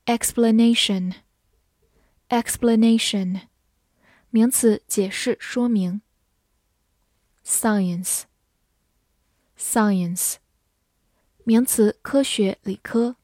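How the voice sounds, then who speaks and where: Very slow, mellow woman reading words. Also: fairly high pitch, fairly even intonation, no room sound, studio quality. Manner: slow, deliberate, repeats each word twice. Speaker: vocabulary reader. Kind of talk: slow word-list drill.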